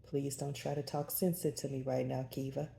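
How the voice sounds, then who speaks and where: Gruff, commanding man, hushed and low, read by a woman; dark tone, audiobook feel. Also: level tone, moderate pace, roomy sound, exaggerated voice. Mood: murmuring. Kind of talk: audiobook reading.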